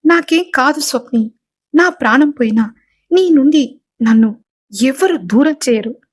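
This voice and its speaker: A woman's voice: fairly high pitch, lively intonation, moderate pace, slightly rough. A woman voicing a protective, hot-tempered young husband, firm and reassuring toward his wife. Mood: soothing. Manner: firm, soothing then stern.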